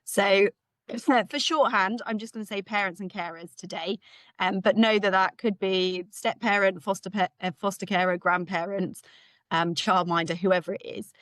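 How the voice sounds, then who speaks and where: A British woman in her thirties, slightly hoarse, giving an informal, chatty conference talk as a ministry leader. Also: medium pitch, fairly even intonation, moderate pace, a bit bright, dry recording. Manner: chatty, informal, with light laughs.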